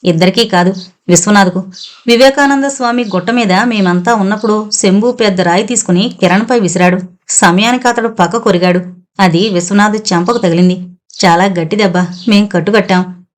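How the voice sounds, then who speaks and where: A woman voicing a kindly, protective young man with a quick temper. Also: medium pitch, close to an everyday voice. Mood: caring. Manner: caring, hot-tempered.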